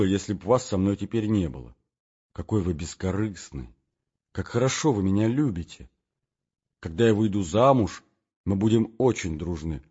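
Young emotional heroine, raised husky voice, rising and pleading, put on by a man narrator, dull recording. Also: lowish voice, dark tone. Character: young woman, excitable, emotional, affectionate.

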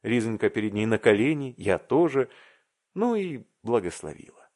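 A man voicing a timid, tender-hearted young man in love in an audiobook, speaking earnestly and haltingly. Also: medium pitch, big pitch swings, lightly acted. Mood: earnest confiding. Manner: earnest, faltering, warm confessional. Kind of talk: audiobook reading.

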